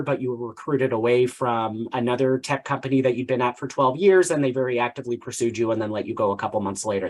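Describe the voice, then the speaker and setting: A Canadian man lawyer explaining severance rules in a plain, brisk way with "uh" openers. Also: medium pitch. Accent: Canadian English. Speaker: employment lawyer. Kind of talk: explaining legal points in an info session.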